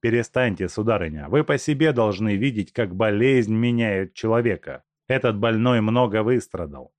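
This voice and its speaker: A stern asylum director, voiced by a male reader, speaking firmly and curtly in a storybook reading. His delivery stays animated, with a dry, close sound. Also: fairly low pitch, moderate pace, no room sound, natural voice. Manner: firm, curt, authoritative. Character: stern asylum director, middle-aged doctor.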